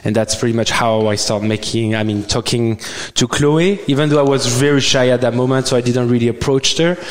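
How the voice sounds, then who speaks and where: A man from France with a French accent and a smooth voice, telling his story casually in an interview. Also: medium pitch, steady tone, a little fast, a little hiss or hum. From Bordeaux, France. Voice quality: smooth, silky. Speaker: winemaker guest. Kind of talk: casual chat.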